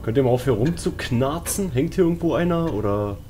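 Brisk and animated, a man with a mid-range, dark-toned voice narrates a horror game in casual slang, half-muttering to himself like a let's play streamer. Spooky game music and sounds run underneath.

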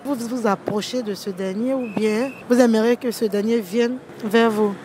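A woman's voice: a little high, fairly even intonation, moderate pace, dark tone, faint music behind, low-quality recording. A young woman asking passers-by questions for a street interview into a handheld mic, often restarting her questions. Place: city street at night beside parked cars. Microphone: handheld microphone. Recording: outdoor street noise.

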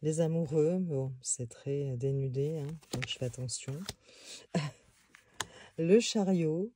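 Hesitant woman with a mellow voice. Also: low voice, slow pace, a little hiss or hum. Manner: hesitant, many fillers and restarts. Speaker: tarot deck reviewer. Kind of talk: casual video review.

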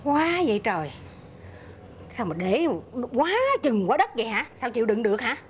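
Motherly, preachy Southern Vietnamese neighbor, middle-aged, pitched a bit high. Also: very animated, normal speed, a little hiss or hum. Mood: fussing. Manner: motherly, lecturing, exclaiming. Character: motherly lecturing village neighbor woman. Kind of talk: rural comedy film acting.

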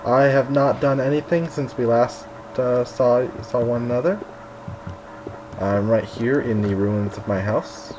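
A man's voice: mid-range voice, steady tone, unhurried, background noise. A man hosting a casual game commentary, chatty and rambling with a self-mocking streak, a little tired late at night. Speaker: gaming video host.

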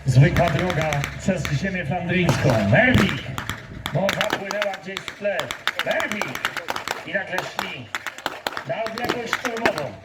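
A man giving grave, theatrical narration at an outdoor battle reenactment, heard over a distant loudspeaker. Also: high voice, lively intonation, very noisy. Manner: grave, theatrical storytelling with pauses. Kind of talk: dramatic scripted narration. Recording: distant echoing PA with loud music.

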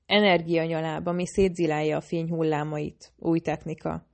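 A woman reading the lines of a gruff, protective young man in an audiobook. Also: fairly even intonation, darkish tone. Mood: grim. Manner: grumbling, low-key.

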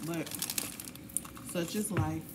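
Speaking slowly in a low, steady voice, this family vlogger sounds tired as she makes casual conversation while cooking and cleaning at home in her kitchen. There's a lot of background noise.

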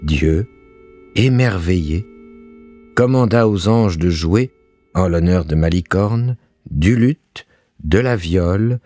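A man narrating a story in a measured, expressive way. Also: low voice, no room sound, soft background music.

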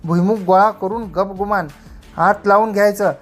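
A woman's voice: medium pitch, fairly even intonation, normal speed, faint music behind, lightly acted. A woman voicing an enraged village mother. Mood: furious scolding. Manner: abusive rustic shouting. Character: furious scolding village mother.

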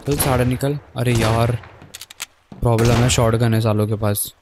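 A young man giving excitable, swearing live commentary while playing a survival shooter. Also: medium pitch, moderate pace, noisy background. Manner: excitable, swears at enemies, keeps up a running commentary. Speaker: gaming YouTuber. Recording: gunfire from the game behind.

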